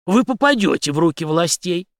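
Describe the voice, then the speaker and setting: Voicing a male special-forces commander, a man sounds confident, mocking and coolly menacing. The character sits high, above the performer's own voice, with lively intonation at a normal speed, and the recording is dry and studio-clean.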